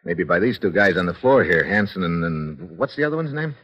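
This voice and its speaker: A man's voice: low-pitched, animated, a little fast, fairly bright tone, long reverb tail. Gritty, wisecracking radio tough guy. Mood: wry. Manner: slangy, sardonic, hard-boiled. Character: tough, wisecracking male reporter turned adventurer, cocky and slangy. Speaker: lead actor in a radio serial. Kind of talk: old-time radio adventure acting. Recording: dull, lo-fi old radio recording.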